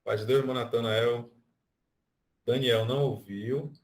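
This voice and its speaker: A man's voice: mid-range voice, steady tone, unhurried. A Brazilian man teaching an online music class, explaining by counting beats and stretching out syllables. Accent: Brazilian Portuguese. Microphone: video call.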